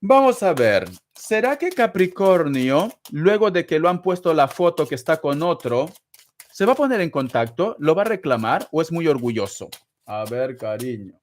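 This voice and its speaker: A man's voice: a little high, very animated, normal speed. Chatty man doing a live tarot reading. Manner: constant endearments, chatty and teasing, laughs often. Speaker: tarot reader answering paid chat questions.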